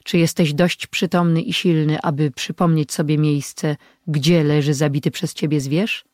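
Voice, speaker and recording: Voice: medium pitch, fairly even intonation, unhurried, a little mellow, dry recording, clean studio sound, natural voice. An audiobook reader voicing an old male healer and sorcerer living in the mountains, who speaks in a commanding, authoritative way. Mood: earnest.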